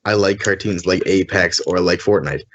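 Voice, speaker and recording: Male co-host, deep-ish, laid-back, lo-fi sound. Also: moderate pace, fairly bright tone, slight background noise. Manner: easygoing, rambling explanations. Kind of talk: casual gaming chat. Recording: dull lo-fi stream audio.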